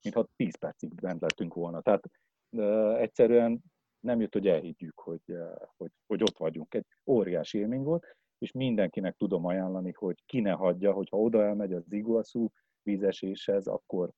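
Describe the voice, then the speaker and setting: A man's voice: low voice, phone-quality sound, a little hiss or hum. A man who works as a tour guide tells a travel story in a casual way, hesitating often with filler sounds and restarts.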